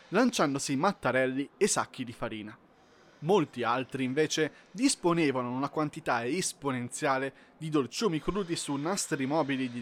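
A man narrates a children's fairy tale in a scripted audiobook style. His voice moves freely up and down, and he tells the story expressively at a mid pitch.

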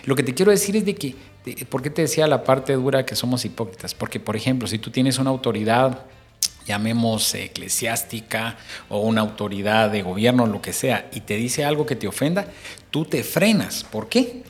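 Middle-aged male host, mid-pitched, talks faith to the listener over soft music, acts out quotes. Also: expressive, moderate pace. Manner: preachy, addresses listener directly, acts out little quotes.

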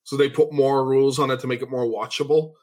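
Male podcast co-host, mid-pitched, playful and jokey, casual banter. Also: fairly even intonation, quick pace. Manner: joking, laughs often, playful mock shouting. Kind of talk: casual chat.

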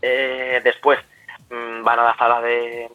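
A man's voice: medium pitch, completely flat delivery, slow, dry recording, narrow, tinny audio, faint music behind. A young man, telling stories as a guest in a casual chat, with frequent restarts and self-corrections. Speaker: guest cosplayer. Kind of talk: casual storytelling.

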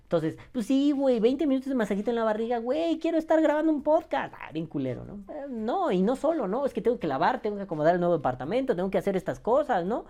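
Mexican man, podcast host, casual rant, profane and sarcastic, rambling, lively swooping pitch. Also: fast, few pauses.

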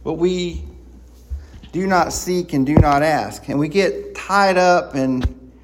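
A man preaching a sermon, excited and quick, with frequent restarts and repeated words. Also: fairly high pitch, very noisy. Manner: excited, talking fast with many restarts.

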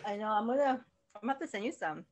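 A woman chatting as a podcast guest, talking in halting bursts full of restarts and fillers. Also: mid-range voice, lively intonation. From lives in the United States. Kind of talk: casual interview chat.

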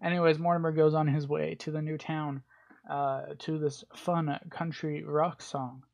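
A man's voice: on the high side, level tone, a little slow, gravelly, darkish tone. A man hosting a podcast alone, recapping a bad movie in a rambling, crude, joking way with lots of fillers. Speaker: podcast host. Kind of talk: casual solo movie recap.

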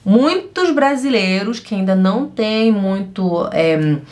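A woman with a Brazilian Portuguese accent teaching German, saying phrases slowly and adding quick asides. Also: mid-range voice, lively intonation, a little mellow. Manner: slow, drawn-out model phrases with quick asides. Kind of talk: online language lesson.

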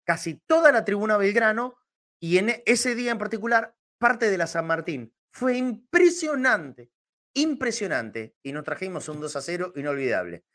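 An Argentine man giving animated, emphatic football talk as a pundit, repeating words to drive his points home. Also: high-pitched, fairly quick. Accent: Argentine Spanish.

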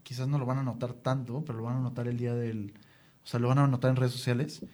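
A man with a Mexican accent, a sports club guest on a casual podcast, joking and animated. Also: mid-range voice, fast. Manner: joking, animated, self-mocking.

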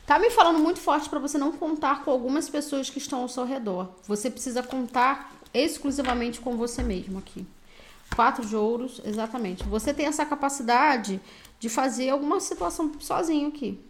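A Brazilian woman with a high voice reads tarot cards aloud. She is blunt and direct, and she scolds and encourages the listener in casual slang. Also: fairly quick. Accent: Brazilian Portuguese. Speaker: tarot reader. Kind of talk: intuitive tarot reading.

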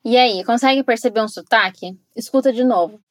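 A fairly high-pitched woman talks a little fast against a noisy background. She hosts an educational podcast and teaches English, speaking with a Brazilian Portuguese accent and narrating from a script with enthusiasm and asides for her listeners.

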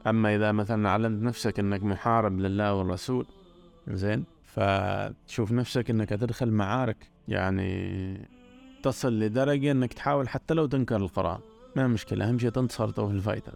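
A man with a gravelly, low voice gives an earnest religious talk. He drives his points home by repeating words. Faint music plays behind him. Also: steady tone, fast, darkish tone. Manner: earnest, repetitive emphasis.

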